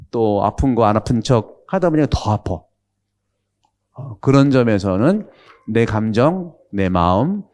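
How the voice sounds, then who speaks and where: Mellow-voiced male priest giving a chatty lecture. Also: medium pitch. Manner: chatty and humorous, asks the audience questions; drops into regional speech when quoting. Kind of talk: conversational catechism lecture.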